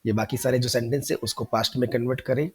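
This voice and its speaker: A man teaching an English grammar lesson, explaining patiently and repeating example sentences slowly. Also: mid-range voice, fairly even intonation, slightly rough. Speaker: English tutor.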